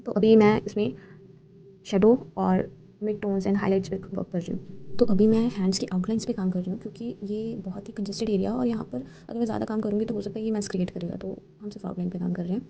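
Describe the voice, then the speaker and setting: Speaking fast in a gravelly, dark, medium-pitched voice, a woman hosting an art tutorial voices over a painting lesson. She mixes Hindi and English while calmly walking through the steps, and the audio is slightly dull with a faint hiss.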